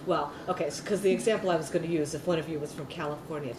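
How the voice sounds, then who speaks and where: Speaking very fast in a deep, steady voice, a middle-aged woman gives an oral history interview, rambling with many fillers and restarts. The mic sits far off in an echoey room, and the recording is noisy.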